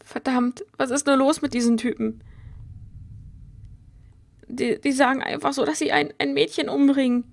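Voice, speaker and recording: A woman with a fairly high voice doing her own game commentary. She is exasperated and animated as she reacts to the game. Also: normal speed, gravelly, long pauses. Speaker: let's play streamer.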